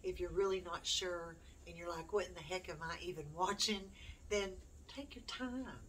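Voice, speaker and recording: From a small room in her home, a middle-aged homeschooling mom and YouTube host rambles to camera in a casual, self-deprecating way. Her voice has a fairly low pitch and fairly bright tone at normal speed. A distant mic records her in a noisy room.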